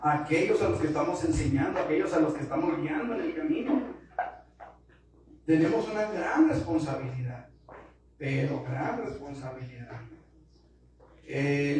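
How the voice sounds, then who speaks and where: A high-voiced male pastor preaches with passion, swinging from quiet asides to loud, emphatic bursts. He is caught from far off in a very echoey church sanctuary, with a faint hum of room noise behind him. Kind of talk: sermon.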